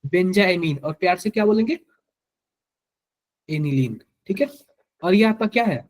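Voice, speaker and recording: A man's voice: sits high, expressive, normal speed. A man with a Hindi accent teaching chemistry to a live class, quizzing students and repeating each answer to drill it in.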